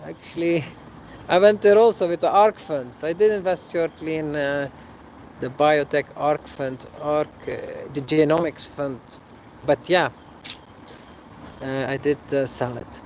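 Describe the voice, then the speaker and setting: A man's voice: a little high, steady tone, a little slow, darkish tone, slight background noise, rough recording. A man from Belgium, hosting a casual live Q&A outdoors, talking hesitantly with many fillers and tagging sentences with "eh?". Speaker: livestream host answering viewer questions.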